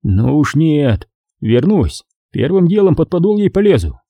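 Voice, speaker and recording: A man's voice: fairly high pitch, sing-song, measured pace, no room sound, dull audio, voice pushed up, heavily acted. A man voicing a hot-tempered young soldier who speaks in heated, threatening bursts. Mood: heated threats.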